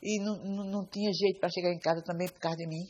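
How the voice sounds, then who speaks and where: Halting middle-aged woman telling of loss. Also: lowish voice, fairly even intonation, a little mellow, a little hiss or hum, poor audio. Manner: slow, halting retelling with quotes and repeats. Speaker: mother of a victim. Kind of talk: documentary interview testimony.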